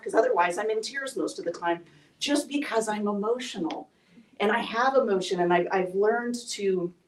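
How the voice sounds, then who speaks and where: A woman telling a candid, emotional personal story to a live audience at a speaker event. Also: mid-range voice. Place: event hall. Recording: echoey room from a distance.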